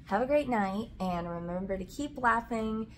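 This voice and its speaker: Hosting a children's read-aloud, a woman in her thirties reads storybooks and chats casually in an animated voice on the high side, at a moderate pace. She's in a small indoor room with a curtain backdrop, filmed on a camera about arm's length away, with clear background room noise.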